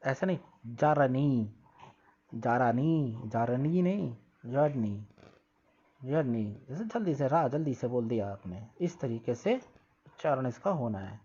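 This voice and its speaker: A teacher works through a textbook lesson at an unhurried pace, reading each line and then explaining it. The voice swings widely in pitch as questions are put to the class and answered. The recording is dull and lo-fi. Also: animated, warm tone, slightly rough. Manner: reads English lines slowly, then explains and drills pronunciation; asks questions to students and answers them. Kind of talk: classroom lesson explaining English text in Hindi. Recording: dull lo-fi sound.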